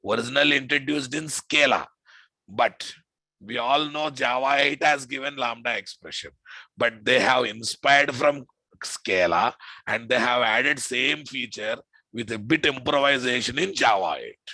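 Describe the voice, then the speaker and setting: A man's voice: mid-range voice, a little slow, bright, forceful tone, dry recording, low-quality recording. A man with a Telugu Indian English accent lecturing informally as a programming instructor, emphatic, repeating phrases and often checking with the class through questions.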